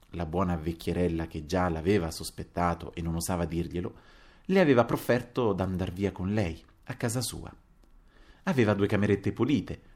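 A man narrating a novel as an audiobook, in an expressive, dramatic reading. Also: sits low. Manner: expressive, dramatic reading with wide swings in loudness.

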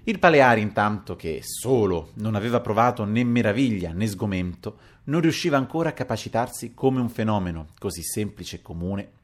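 A man reading a literary audiobook aloud in an expressive, dramatic storytelling manner. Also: on the low side. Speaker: audiobook reader.

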